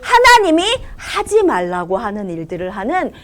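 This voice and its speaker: A young woman teacher telling a Bible story to preschoolers in a church classroom, in an animated, exaggerated storytelling voice. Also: medium pitch, moderate pace. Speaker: children's ministry teacher.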